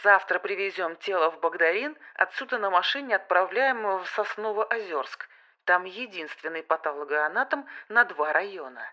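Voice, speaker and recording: A woman's voice: medium pitch, lively intonation, normal speed, sharp tone. Woman reading as a curt cold police major. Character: gruff dry male police major.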